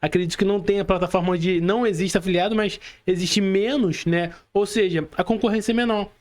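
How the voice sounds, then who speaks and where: This male podcast host speaks with a Brazilian Portuguese accent in a high, steady, brisk voice. Leading a conversational interview, he lays out points and frequently seeks agreement through quick tag questions.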